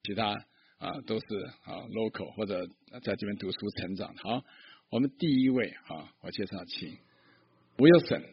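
A man from Fujian, China, serving as pastor, addressing a church congregation in a lively way and drawing the crowd in with questions. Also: lowish voice, normal speed, slightly rough, lo-fi sound.

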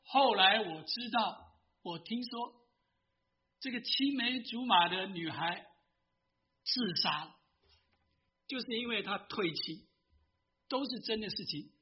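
A man's voice: sits high, expressive, slow pace, long pauses, highs cut off. A man voicing a guilt-ridden old male general confessing a secret, told within a sermon.

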